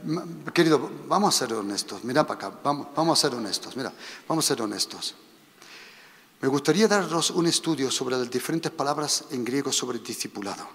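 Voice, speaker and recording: A man from preaching a sermon, animated and repeating his instructions to the congregation. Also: medium pitch, a little fast. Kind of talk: sermon with live demonstration. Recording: long reverb of a hall.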